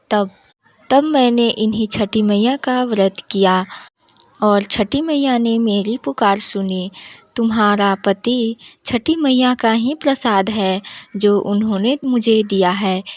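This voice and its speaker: A woman voicing a pious elderly mother-in-law who talks in an earnest, pleading way, at a slow pace. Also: on the high side, no echo. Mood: coaxing.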